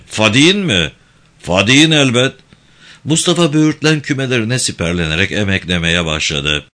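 A man narrating a literary story as an audiobook, expressive, and voicing each character himself. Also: on the low side.

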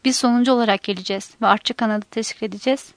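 Woman reading easygoing male guerrilla, confident, unhurried, dry close recording. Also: a little high, steady tone, dry recording, lightly acted. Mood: casual.

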